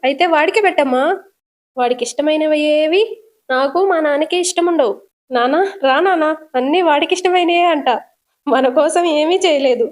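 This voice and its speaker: A woman's voice: high-pitched, normal speed, natural voice. Woman voicing a sarcastic brash son. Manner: teasing, sarcastic. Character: mocking, brash young adult son.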